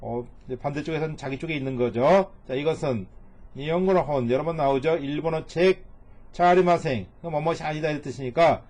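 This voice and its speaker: A middle-aged male teacher with a slightly high voice delivers a recorded lesson on Japanese reading. He works through each sentence piece by piece, repeating phrases and translating them word by word in a patient, steady way. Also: brisk.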